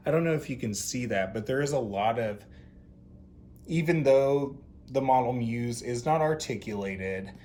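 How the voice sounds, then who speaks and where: A man's voice: mid-range voice, darkish tone, a little hiss or hum. A man hosting an unscripted review in an effusive, gushing, campy drag-queen manner. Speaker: doll review host. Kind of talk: unscripted product review commentary.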